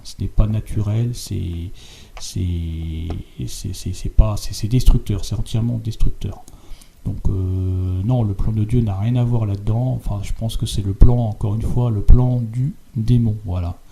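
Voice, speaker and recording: A man's voice: fairly low pitch, creaky, warm tone, slight background noise. A man commenting over images in a video, hesitant and insistent, stumbling over repeated words and ending phrases with tag questions. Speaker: video host.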